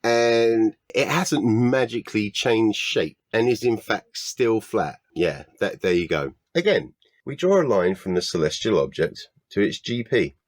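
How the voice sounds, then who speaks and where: Sarcastic British man, lively pitch. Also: unhurried, no echo, clean studio sound. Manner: sarcastic, exasperated, swears often. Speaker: YouTube debunking commentator. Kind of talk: scripted commentary rebuttal.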